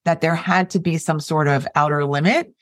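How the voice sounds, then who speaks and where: A woman's voice: low voice, steady tone, moderate pace, dry recording, studio quality. A woman hosting an interview who responds with affirming, encouraging remarks and easy laughter. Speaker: interviewer, host. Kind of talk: conversational interview.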